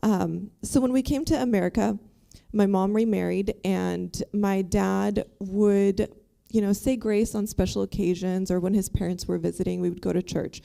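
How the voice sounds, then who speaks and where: A Bosnian woman in her thirties, appearing as a panel guest, shares her personal faith story as a testimony. Her voice is medium-pitched, steady and dark in tone with vocal fry, at a moderate pace. She comes across as earnest and slightly nervous, with ums along the way.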